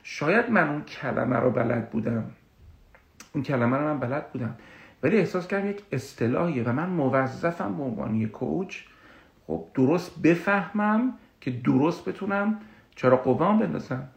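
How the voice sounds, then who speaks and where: A man working as a coach gives an explanatory talk on confidence, animated and full of personal examples. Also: a little high, creaky. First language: Persian. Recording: echoey room.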